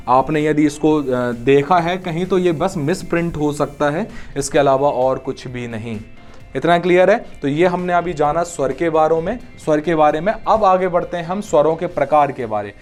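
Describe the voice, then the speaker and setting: High-voiced man teaching Hindi grammar. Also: darkish tone. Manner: explanatory, checks understanding with rhetorical questions. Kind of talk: exam-prep Hindi lecture.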